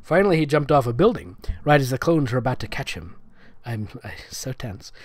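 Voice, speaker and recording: In a dry recording, a man hosts a comedic read-aloud of fan fiction, his medium-pitched voice taking big pitch swings at a slightly fast pace. He adds sarcastic, nitpicking comments and keeps breaking into giggles.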